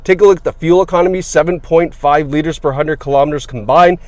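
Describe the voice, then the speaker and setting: A man's voice: on the high side, fairly even intonation, quick pace, no echo. A man giving a casual, upbeat walkaround of a car for sale, chatty and full of fillers. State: has the hiccups. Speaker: car salesperson. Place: inside a car.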